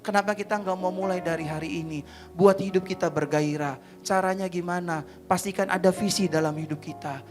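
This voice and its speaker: A woman pastor delivers a sermon with a strong sense of swing, sinking into low, hushed prayer and then rising into loud, fervent preaching. Instrumental music plays clearly behind her the whole time. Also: steady tone, a little fast.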